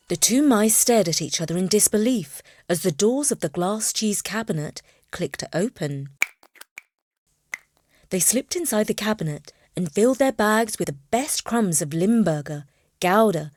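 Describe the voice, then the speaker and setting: A woman's voice: medium pitch, a little mellow, dry recording. A woman telling a children's story with scripted, playful narration. Her mid-range voice moves expressively up and down, and the recording is close and dry with no room sound.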